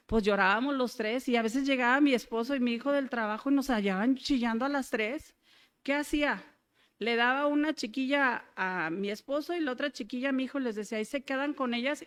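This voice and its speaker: A woman's voice: high-pitched, clean tone. A middle-aged woman, preaching a sermon and telling her own story in a homely way. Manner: folksy storytelling, addresses congregation as brothers. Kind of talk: sermon with personal testimony.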